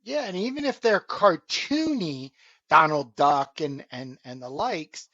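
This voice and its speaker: A man's voice: on the high side, animated, a little slow, bright, forceful tone, dry recording, highs cut off. A man co-hosting a comics chat show, jumping in with eager asides in casual talk. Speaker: comics podcast co-host. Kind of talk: casual conversation.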